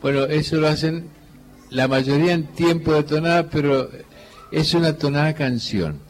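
A man from Cuyo, Argentina, with a Cuyo Argentine accent, a folk guitarist telling stories in a relaxed conversation and quoting others as he goes. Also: fairly high pitch, soft background music. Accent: Cuyo Argentine Spanish. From Cuyo region, Argentina. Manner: unhurried storyteller who quotes others and hums lines. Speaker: folk guitarist and singer, interview guest.

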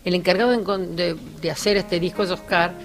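Chatty Argentine woman, lowish voice. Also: steady tone, quick pace, soft background music. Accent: Argentine Spanish. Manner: warm, chatty, laughs easily. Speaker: singer, guest. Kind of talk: casual radio interview.

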